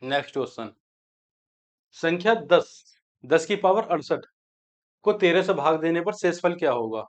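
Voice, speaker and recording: High-voiced man teaching maths. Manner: asks students questions and answers them himself; repeats key steps aloud while writing. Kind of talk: exam-prep maths lecture. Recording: dull lo-fi sound.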